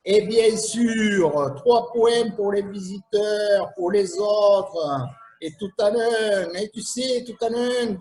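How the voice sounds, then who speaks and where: Playful slow-talking quiz host. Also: male voice, extremely high pitch, poor audio. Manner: playful, teasing, chuckles at his own riddles. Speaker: host of a live quiz game. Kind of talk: casual quiz hosting.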